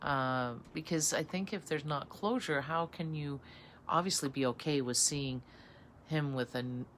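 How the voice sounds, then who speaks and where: A woman co-hosting a casual chat on an outdoor balcony, lively and giggly. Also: low-pitched, a little slow, a little hiss or hum. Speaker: co-host.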